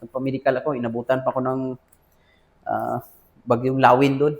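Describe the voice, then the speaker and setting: A Filipino-accented army officer tells the story of his career in a casual interview, addressing the listener as sir and quoting earlier exchanges. His mid-range voice is level, brisk, and creaky, and the sound is lo-fi.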